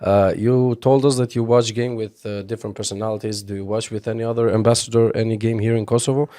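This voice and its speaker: A man's voice: on the low side, level tone, fast talker, dark tone. A man hosting a radio interview, asking his questions with many hesitations. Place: radio studio.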